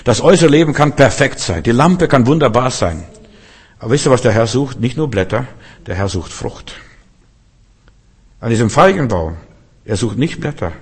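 A man's voice: mid-range voice, gravelly, breathy edge. A man preaching a sermon, emphatic and repetitive, speaking directly to his listeners.

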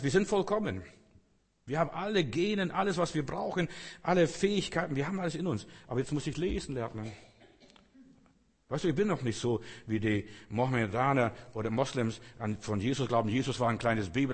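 A man's voice: medium pitch, breathy edge, in a large hall. A man preaching a sermon in a conversational way, often turning to the listener directly. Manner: conversational, addresses listener with "weißt du".

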